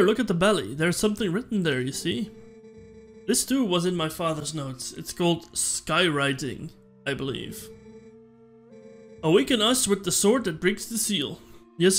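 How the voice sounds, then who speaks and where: A man reading aloud the lines of a polite, chatty young gentleman scholar from a video game. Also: high-pitched. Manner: reads game text aloud in a mostly plain voice.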